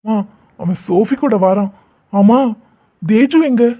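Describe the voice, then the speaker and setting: A woman voicing a calm young man in a cartoon, speaking in a gentle, consoling way. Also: medium pitch, slow. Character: calm young man comforting his family.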